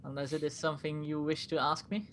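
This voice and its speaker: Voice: mid-range voice, little pitch movement, fast, fairly bright tone, a little hiss or hum, lightly acted. A game master doing a cheerful proud baron. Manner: hearty, self-satisfied, formal.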